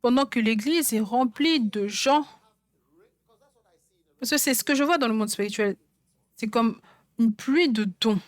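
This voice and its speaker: A woman preaches a sermon in a fairly high voice. She drives her points home by repeating phrases again and again, and the sound is dry and close. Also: a little slow, long pauses, no echo. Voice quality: songwriter speaking of her own songs. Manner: emphatic, repeats phrases for stress.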